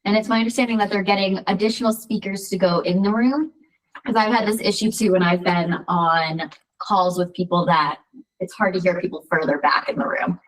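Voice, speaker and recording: A woman's voice: medium pitch, fairly even intonation, fairly quick. Woman leading a meeting, distant echoey sound. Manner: organized, running the agenda. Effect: distant, echoey room sound. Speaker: meeting facilitator. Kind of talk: video call meeting. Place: meeting room with a TV speaker. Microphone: room mic far from the speaker. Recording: distant echoey room pickup.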